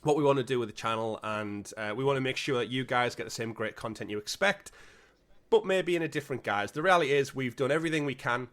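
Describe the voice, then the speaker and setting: A man hosting a gaming podcast with energetic, jokey patter, a bit congested from a cold. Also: medium pitch, fast talker. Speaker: podcast host. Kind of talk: upbeat podcast presenting.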